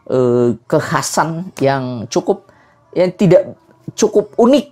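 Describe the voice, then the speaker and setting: A man from South Kalimantan, explaining traditional theater in a lively way, with frequent "eh" fillers. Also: on the high side. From South Kalimantan, Indonesia. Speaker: cultural presenter.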